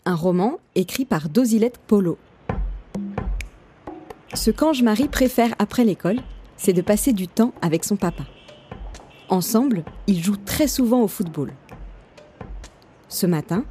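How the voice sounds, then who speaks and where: Lively, mellow woman reading a storybook. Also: mid-range voice, normal speed, pauses often, faint music behind. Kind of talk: storybook narration.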